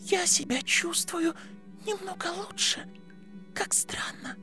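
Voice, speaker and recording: An eerie, withered old witch, put on by a male storyteller speaks in a thin, high whisper with a dusty rasp. Her voice sits well above his natural register and stays hushed. Faint music hums behind her. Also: takes it slowly, heavily acted. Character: frail, eerie old witch prisoner, woman.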